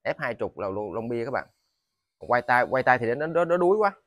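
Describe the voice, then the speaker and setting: Southern Vietnamese man, halting casual sales patter. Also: mid-range voice, big pitch swings, a bit bright, dry recording. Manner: halting, repeats words and phrases. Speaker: seller of used motors and machine parts. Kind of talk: casual, rambling sales vlog. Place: indoors in a cluttered tiled storeroom.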